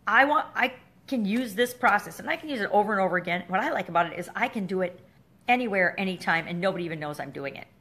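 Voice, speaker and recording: A middle-aged woman talking through a self-help practice in an easy, chatty way. She sounds earnest and warm toward her listeners and laughs lightly now and then. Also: mid-range voice. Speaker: wellness coach. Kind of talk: casual teaching talk to camera.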